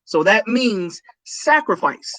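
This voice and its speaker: A man's voice: sits high, sing-song, slow pace, a bit bright, no echo, low-quality recording. A man speaking as a pastor in a casual livestream talk, preachy and emphatic, repeating his key points.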